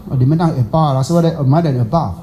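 A man teaches a Buddhist class, giving a Dharma talk in a chatty, teasing way and quizzing his listeners with questions. His voice is medium in pitch and dark in tone, and he speaks rapid-fire.

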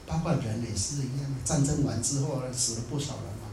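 A man giving a dharma talk, animated and acting out the people he quotes. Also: medium pitch, brisk, roomy sound, noisy background. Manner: animated, acts out quotes in dialect. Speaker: Buddhist teacher.

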